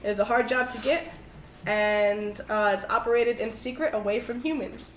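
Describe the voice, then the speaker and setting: A woman's voice: fairly high pitch, normal speed, reverberant, slight background noise. A young woman narrating as game master of a tabletop game, in a laid-back, casual way.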